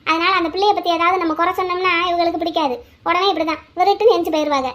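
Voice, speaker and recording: A woman's voice: very high-pitched, fairly even intonation, rapid-fire, fairly bright tone. A woman voicing a strict, gossipy middle-aged mother in a cartoon. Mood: complaining. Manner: complaining, gossipy.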